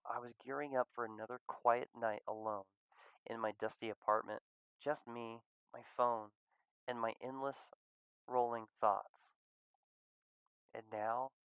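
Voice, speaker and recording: A man's voice: mid-range voice, clear, resonant tone, no echo, poor audio. Man narrating a visual novel. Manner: reflective, steady storytelling.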